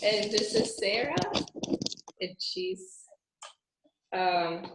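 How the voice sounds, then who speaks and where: A woman's voice: mid-range voice, very animated, very slow. A woman introducing her children on a video call, coaxing them with prompting questions. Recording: echoey room with clicking noise.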